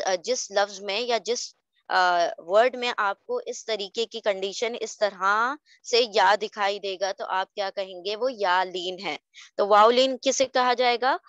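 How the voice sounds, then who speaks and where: A woman explains Quran recitation rules in a calm, patient teaching voice. She keeps stopping to check that her listeners understand. The recording is dry and a little dull. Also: mid-range voice, no room sound. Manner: patient, often checks "okay?". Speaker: tajweed teacher.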